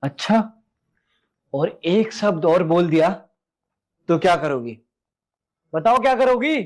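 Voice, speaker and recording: A man's voice: high-pitched, big pitch swings, takes it slowly, a little mellow, heavily acted. An actor playing a domineering young husband who talks harshly and hurls insults at his wife and her father. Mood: angry.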